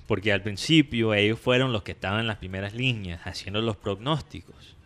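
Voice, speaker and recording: Man, bright tone, casual podcast chat, animated. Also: fairly low pitch, a little fast. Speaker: podcast co-host.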